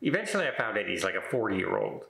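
A man's voice: fairly low pitch, wildly swooping pitch, fast, creaky, fairly bright tone, reverberant. A middle-aged man telling a casual story in a rambling way, with many fillers and restarts. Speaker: vlogger.

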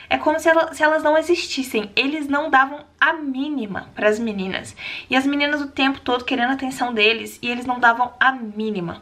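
Bright-voiced woman telling a story. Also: a little high. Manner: animated, acts out quoted voices. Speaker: vlogger. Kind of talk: casual storytelling vlog.

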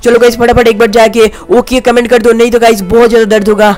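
An excited man runs commentary on a game video in a high, eager voice, constantly pushing viewers to comment. Faint background music sits under his talk. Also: fast. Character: young male tiger hero, brave and angry. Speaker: gaming YouTuber. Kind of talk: game commentary with role-play.

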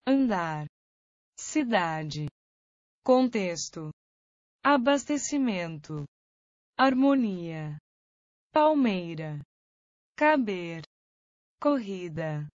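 A woman with a Brazilian Portuguese accent pronounces single words one by one, with careful, deliberate diction. She speaks extremely slowly, and her pitch moves lively across each word. The recording is dry and a little dull, with a lo-fi sound. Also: no room sound. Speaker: pronunciation reader. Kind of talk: reading a vocabulary list word by word.

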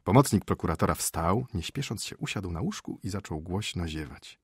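A man narrating an audiobook in a dramatic, animated reading style. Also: sits low, moderate pace, slightly rough, no room sound, clean studio sound. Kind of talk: expressive scripted narration.

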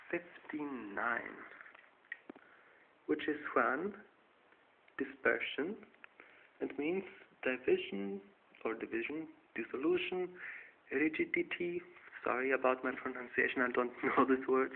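Halting man, slow gravelly tinny audio. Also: medium pitch. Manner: halting, many fillers and restarts. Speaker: video tutorial maker. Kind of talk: casual explanatory how-to. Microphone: handheld camera mic. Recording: tinny lo-fi camera audio, faint hiss.

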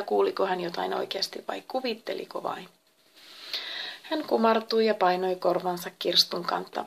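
A woman reading a myth aloud as a storyteller, in a slow delivery that drifts into breathy whispers. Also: mid-range voice, a bit bright. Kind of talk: storybook narration.

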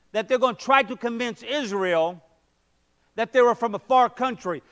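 A middle-aged male pastor preaching from the front of a mid-sized church. His voice sits unusually high for a man, and he presses his points with emphatic rhetorical questions. He speaks through a headset mic. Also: fairly bright tone. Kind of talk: sermon. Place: church sanctuary, medium-sized, indoors.

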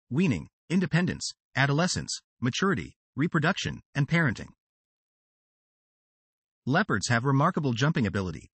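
Man, documentary narrator, animated pitch, husky tone, dry close sound. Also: no echo. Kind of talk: scripted wildlife documentary narration.

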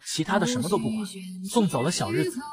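A man narrates a television drama recap at a brisk clip. His voice sits a little high and moves up and down a lot as he tells the story. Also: big pitch swings, over a noisy crowd.

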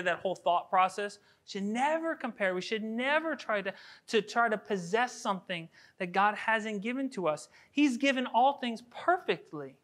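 A man preaching a sermon with a bright, forward tone. He talks to his congregation casually, tossing out rhetorical questions and slipping into playful voices for everyday quotes. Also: high voice. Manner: lively, conversational, full of rhetorical questions. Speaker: pastor. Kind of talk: expository sermon.

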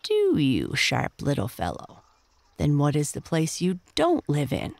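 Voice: medium pitch, huge pitch swings, measured pace, creaky, no echo, full character voice. A storyteller voicing a pompous, bossy old male frog in a bedtime story, talking in a lofty, lecturing way. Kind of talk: storybook character voice.

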